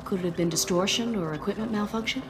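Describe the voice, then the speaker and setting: An actress in a radio drama playing a composed, concerned young rebel princess, speaking formally and with measure. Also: female voice, medium pitch, fast, background noise, lightly acted.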